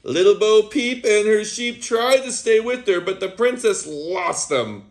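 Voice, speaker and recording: As host of a children's read-aloud, a man animatedly tells a picture book story in a high voice that swoops widely. He takes his time and occasionally pauses to talk with the young listeners.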